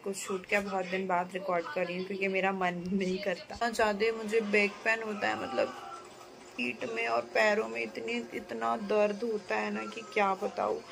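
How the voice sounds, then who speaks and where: A woman's voice: medium pitch, little pitch movement, moderate pace, vocal fry, low-quality recording. A young woman chatting casually to her vlog audience in a rambling, chatty way, mixing in English words. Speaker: vlogger. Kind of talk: casual family vlog chat.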